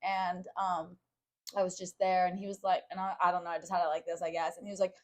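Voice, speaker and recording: Speaking fast in a fairly low, flat voice, a young female podcast co-host rambles through a story in casual chat. She leans on fillers constantly, especially "like".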